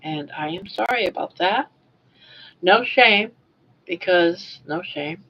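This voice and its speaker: Slow-talking older woman, toothless sore-mouthed speech. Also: on the low side, expressive. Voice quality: toothless, soft-edged articulation from missing dentures and a sore mouth. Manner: rambling, self-conscious, unhurried. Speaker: livestream host. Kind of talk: casual livestream chat. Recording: dull lo-fi webcam or phone audio.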